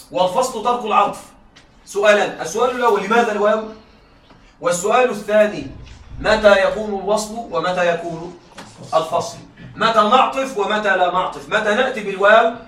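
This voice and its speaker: A man's voice: high voice, fairly bright tone. A man teaching a class on Arabic rhetoric in a lecture style, repeating points and checking that his students follow. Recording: echoey room, mic far off.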